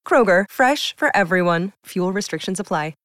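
A woman's voice: mid-range voice, lively intonation, moderate pace. A woman announcer narrating a scripted advertisement. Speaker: commercial announcer.

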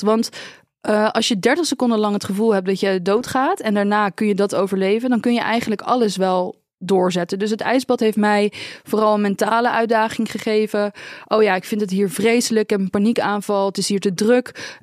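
Woman podcast host just chatting, middling pitch, acts out little quotes as she goes, dry close sound. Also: dry recording. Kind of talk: casual podcast chat.

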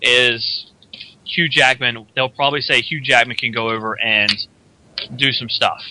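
A man's voice: medium pitch, fairly even intonation, background noise. A man co-hosting a radio talk show, chatting casually and sharing opinionated predictions. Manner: opinionated, speculative, acts out quick character voices. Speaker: podcast co-host. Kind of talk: casual chat.

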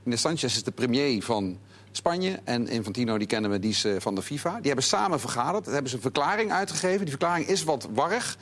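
A man at a studio table with a voice of middling pitch, filling the others in on the latest football news. He lays things out thoroughly and drops in wry remarks along the way. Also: sing-song, fast talker, fairly bright tone. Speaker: football correspondent. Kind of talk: explanatory report in casual chat.

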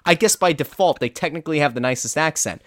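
A man's voice: fairly high pitch, fast talker, a bit bright, no echo, clean studio sound. A man co-hosting a casual sports podcast, ranting in a sarcastic tone.

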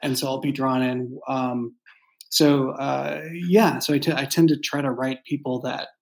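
Heard on a rough recording, a man with a gravelly mid-range voice speaks unhurriedly and steadily. As the creator and writer of an audio drama, he talks through a relaxed behind-the-scenes conversation, phrasing things thoughtfully, hesitantly and at rambling length.

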